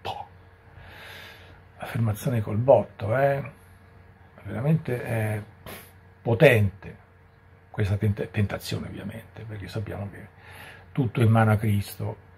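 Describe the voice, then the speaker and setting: A man's voice: fairly low pitch, fairly even intonation, slow pace, vocal fry, long pauses, a little mellow, husky. A man giving a catechesis talk as a preacher, speaking conversationally with frequent rhetorical asides.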